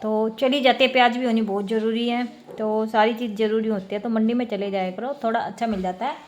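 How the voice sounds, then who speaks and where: A woman's voice: fairly high pitch, fairly even intonation, a little fast, highs cut off, a little hiss or hum. Chatty woman vlogging at home. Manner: chatty, showing chores while talking to viewers; laughs often while talking. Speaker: family vlogger. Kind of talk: casual home vlog narration.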